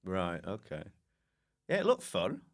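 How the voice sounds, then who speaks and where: Speaking low and unhurried, with wildly swooping pitch, a man appears as a podcast guest comedian. His casual talk is a string of rambling, self-deprecating funny stories told with a giggly manner.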